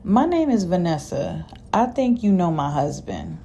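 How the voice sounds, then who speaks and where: A woman voicing a calm, sarcastic wronged wife. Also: fairly low pitch, measured pace, slightly rough, heavily acted. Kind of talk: storytelling read-aloud.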